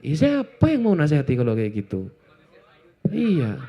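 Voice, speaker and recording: A man from Indonesia, talking informally to an audience in a joking, animated way with lots of asides. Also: a little high, moderate pace, muffled recording. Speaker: Islamic apologetics speaker.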